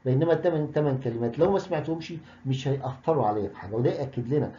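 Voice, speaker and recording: A man's voice: medium pitch, racing, mellow. A man with an Egyptian Arabic accent, a university lecturer explaining step by step, asking the class rhetorical questions and hesitating with many uhs. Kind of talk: recorded lecture mixing Arabic and English. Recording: dull echoey lecture recording.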